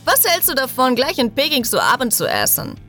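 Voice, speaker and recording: A woman's voice: high voice, wildly swooping pitch, brisk, sharp tone, faint music behind, pitched above the performer's own voice, heavily acted. Woman as a cheerful young male superhero, playful and upbeat, storybook. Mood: enthusiastic.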